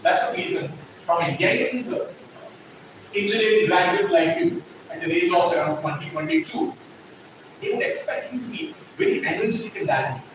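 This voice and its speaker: A man lectures a classroom as a trainer, his high voice swinging widely in pitch at a moderate pace. He speaks emphatically, repeats his points and checks that the class is following. The recording is noisy, made in an echoey classroom with the mic far away.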